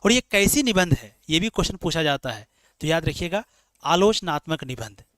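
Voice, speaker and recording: Male tutor with a high voice for an exam-prep class, explains by repeating himself and answering his own questions. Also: expressive, moderate pace, a bit bright, no room sound. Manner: repetitive, explains in rhetorical questions, calls students dear children. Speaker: teacher.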